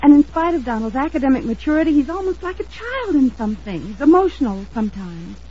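High-pitched with big swings in pitch, brisk and a little mellow, an actress plays a worried young woman in vintage radio theater, urgently and earnestly defending her sweetheart with hesitant, dramatic lines. The old recording sounds dull.

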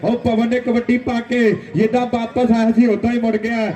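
A man's voice: very high voice, monotone, fairly quick, dark tone. A man delivers playful, folksy kabaddi commentary, repeating rhymed lines. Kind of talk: folksy rhyming live commentary. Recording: echoey outdoor PA, distant mic.

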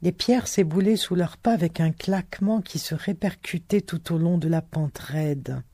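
A reader narrating a novel aloud in slow, measured prose. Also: medium pitch, dark tone, no room sound.

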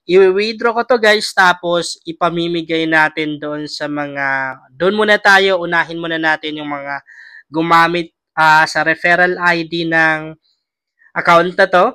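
A man's voice: a little high, bright, forceful tone, clean tone, dry recording. A young Filipino man hosting a casual gaming vlog, his voice strained by a cough. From Philippines. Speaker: vlogger and host.

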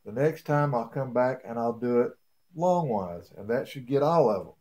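A man's voice: mid-range voice, lively intonation, normal speed, warm tone. A man demonstrating a woodworking job in his home workshop, talking in a plain-spoken, folksy way with rambling asides. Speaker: beekeeper showing a woodworking build. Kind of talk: casual how-to demonstration.

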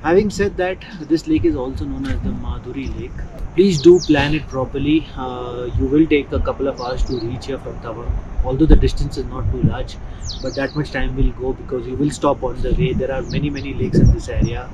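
A travel vlogger with an Indian English accent narrates enthusiastically outdoors in windy mountains, recommending places to viewers. His mid-range voice is fairly quick with fairly even intonation. Heavy background noise and music play behind him.

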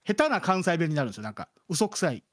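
A man's voice: fairly high pitch, big pitch swings, very fast, a bit bright. A man from the Kansai region of Japan, a guest chatting casually with many fillers and self-deprecating asides. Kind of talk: casual chat.

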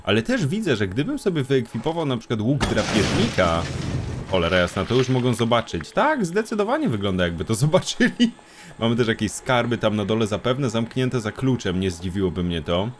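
A man's voice: mid-range voice, sing-song, fairly quick, noisy background. A young man giving casual let's-play commentary, talking to enemies, joking and swearing a lot. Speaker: gameplay streamer.

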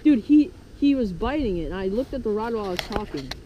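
A man's voice: sits high, lively intonation, fast, dark tone, lo-fi sound, slight background noise. Hyped young man swearing on the ice. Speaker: ice fisherman. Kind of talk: excited outdoor banter. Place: outdoors on a frozen lake.

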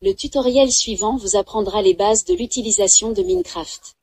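A woman voicing a helpful robot assistant that guides players, reading calm instructions as game voice-over. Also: a little high, moderate pace, breathy edge, no echo. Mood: instructive.

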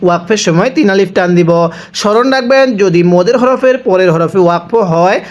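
A man from Bangladesh teaching Quran recitation step by step. He draws out each syllable slowly, explains quickly in between, and keeps asking and answering his own questions. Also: high voice.

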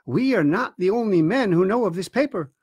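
A man reading a storybook aloud, voicing a cautious, level-headed country doctor who speaks firmly and with measured warning. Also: sits high, animated, a little mellow, breathy edge, dry recording.

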